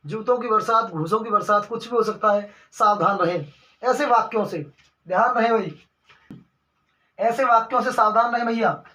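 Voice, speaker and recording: A man's voice: high voice, normal speed, bright, forceful tone. A young man teaching a Hindi grammar lesson for exams, asking the class questions, answering them himself and calling the listeners brother. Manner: calls the listeners brother again and again. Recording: dull lo-fi recording.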